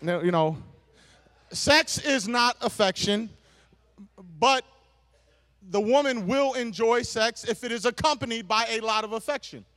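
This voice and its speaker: A male preacher delivering a sermon to his congregation, emphatic and repetitive, calling out to the audience and breaking into shouts. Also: sits high. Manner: emphatic, repeats phrases, bursts into shouts; talks directly to the audience.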